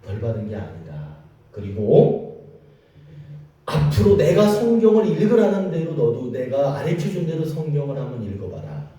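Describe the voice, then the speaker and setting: A man voicing a gentle, solemn God who speaks softly and reassuringly. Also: mid-range voice, wildly swooping pitch, normal speed, very echoey, far from the mic, poor audio.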